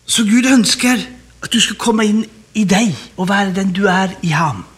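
High-voiced animated male preacher. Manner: animated, exclaiming, laughing often. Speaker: guest preacher. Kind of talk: lively sermon.

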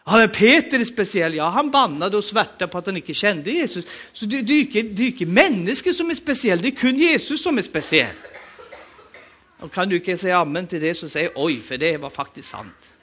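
A man's voice: high voice, animated, bright, forceful tone. A man with a Norwegian accent preaching a sermon, emphatic and urging the congregation to respond.

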